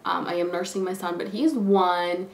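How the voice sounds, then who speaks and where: A young beauty vlogger with a cold sounds hoarse and stuffed-up as she does her makeup in a casual get-ready-with-me chat. She rambles with lots of fillers like "like" and "you know," speaking at normal speed in a fairly low, fairly even voice. The room sounds echoey.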